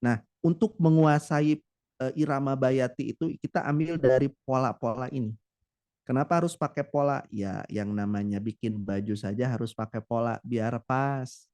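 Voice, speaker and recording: Mellow, smooth-voiced male teacher. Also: medium pitch, moderate pace. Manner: chatty, keeps addressing his students. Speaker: Quran recitation teacher. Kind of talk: teaching a class, with sung demonstrations.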